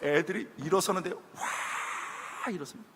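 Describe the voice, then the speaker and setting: A man with a high voice delivers a sermon to a young adults' group in a church hall, animatedly telling stories and acting out the voices of the people in them. He speaks at a measured pace, and the recording is very noisy with a long hall reverb.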